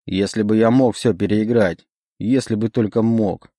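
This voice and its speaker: A man's voice: on the low side, normal speed, mellow, no echo, clean studio sound, natural voice. A man voicing a possessive demon bound to a young man's soul, pleading and insistent in an audiobook reading. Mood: lamenting. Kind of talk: audiobook character voice.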